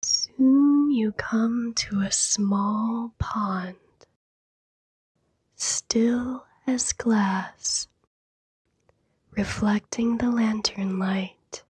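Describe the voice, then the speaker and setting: In a very breathy, high-leaning whisper, a soft-spoken woman leads a sleep meditation, mellow and soothing. She goes extremely slowly, with long pauses between short phrases, and the recording is close and dry.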